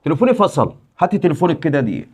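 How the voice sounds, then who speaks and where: Egyptian man, comedy sketch lead, very fast, slightly higher voice, faint music under. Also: sing-song, slightly rough. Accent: Egyptian Arabic. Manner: accusing, then pleading with a friend.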